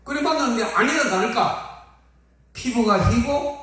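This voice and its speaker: High, lively older pastor in an echoey hall. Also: male voice, unhurried. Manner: folksy, acts out quoted people. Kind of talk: storytelling sermon. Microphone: phone camera at a distance. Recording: echoey hall, phone from far off.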